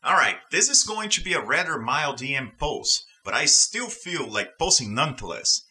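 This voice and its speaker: A man from Brazil reads online stories from a script as host, mixing in forceful personal opinions. His voice is on the high side, very animated and bright, with a forceful tone and a moderate pace.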